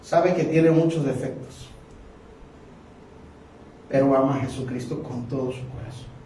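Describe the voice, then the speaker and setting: A man's voice: medium pitch, measured pace, mellow, slight background noise. A man preaching an impassioned sermon, acting out the voices of the people in his story. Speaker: pastor. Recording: echoey hall, mic at a distance.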